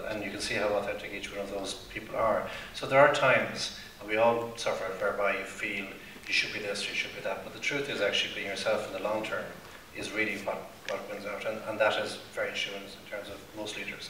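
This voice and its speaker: Emphatic fast low-voiced man on a panel. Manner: emphatic, insistent, repeats "right". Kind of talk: conference panel remark. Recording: roomy hall, faint noise, distant.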